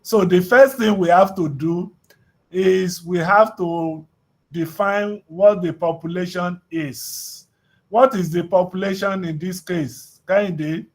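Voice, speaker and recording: A middle-aged man teaching a university class, speaking haltingly and calling on students by name. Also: high voice. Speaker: lecturer.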